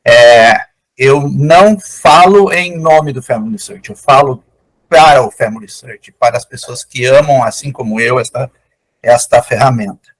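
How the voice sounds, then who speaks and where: A man's voice: mid-range voice, unhurried, rough recording. An older man giving an online lecture as a guest genealogist, explaining in an enthusiastic, conversational way over a video call.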